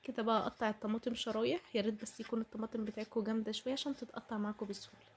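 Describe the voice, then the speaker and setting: A woman with a high-ish, flat voice talks very fast over background noise, her voice altered by a heavy cold. She's a home cooking vlogger with an Egyptian Arabic accent, casually and chattily narrating a recipe while addressing her viewers directly.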